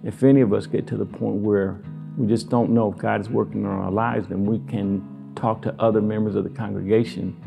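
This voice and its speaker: A man's voice: fairly low pitch, steady tone, fairly quick, vocal fry, warm tone, faint music behind. A man giving an earnest, reflective church talk.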